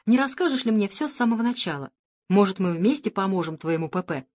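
A woman voicing a kind, curious girl who speaks politely and warmly. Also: medium pitch, lively intonation, fast, close to an everyday voice. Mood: friendly. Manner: friendly, polite.

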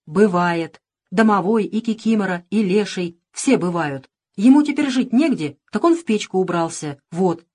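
A woman reading a storybook and voicing a rough, superstitious village boy who talks gruffly and in hushed tones. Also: mid-range voice, expressive, normal speed. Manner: gruff whispering.

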